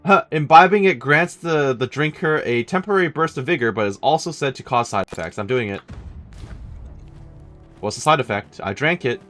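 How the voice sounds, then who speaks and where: A man's voice: mid-range voice, expressive, normal speed, fairly bright tone, soft background music. A man commentating casually as he plays a game, thinking aloud in a dry way. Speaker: gaming let's-player.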